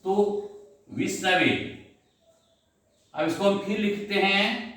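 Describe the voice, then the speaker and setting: A man's voice: high-pitched, slow pace, pushed and bright. A man teaching Sanskrit grammar, explaining step by step, spelling out syllables and asking his students questions. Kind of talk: slow classroom explanation. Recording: echoey room, voice from far off.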